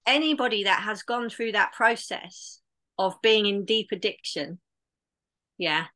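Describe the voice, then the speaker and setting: A woman's voice: medium pitch, measured pace, pushed and bright. A woman in casual conversation, talking in an earnest, reflective way with many restarts. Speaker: podcast guest.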